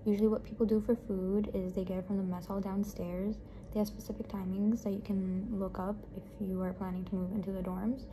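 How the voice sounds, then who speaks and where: A young woman, a medical student, chatting casually through her day as a vlogger, with relaxed fillers. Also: mid-range voice, fairly quick, noisy background. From Pakistan. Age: young adult. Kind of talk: casual vlog narration.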